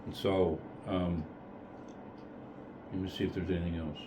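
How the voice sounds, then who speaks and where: A man's voice: low-pitched, flat delivery, unhurried, noisy background. A man leading a casual group Bible study, thinking aloud in a tentative way and often correcting himself.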